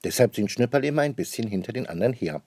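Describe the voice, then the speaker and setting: A man with a fairly low voice reads a children's Christmas story aloud in a measured, storytelling manner. The recording is dry and close with no room sound. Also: animated, warm tone, breathy edge, no echo.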